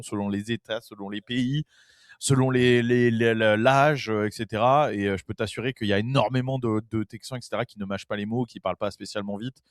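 A man's voice: fairly low pitch, no echo, studio quality. A Frenchman speaking casually and emphatically, often repeating himself and swearing now and then. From France. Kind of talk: casual chat.

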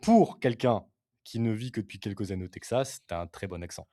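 A man's voice: on the low side, fairly quick, dark tone. Brief: male co-host, easygoing, conversational. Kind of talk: casual chat.

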